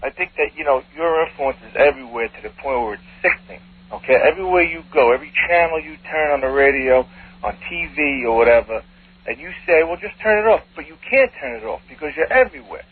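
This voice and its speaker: A man's voice: fairly high pitch, lively intonation, quick pace, slightly rough. A man calling in to a radio show, sounding faint and distant because his phone is held away from his mouth. He talks in a confrontational, taunting way. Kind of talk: call-in radio. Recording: tinny phone line, far from the handset.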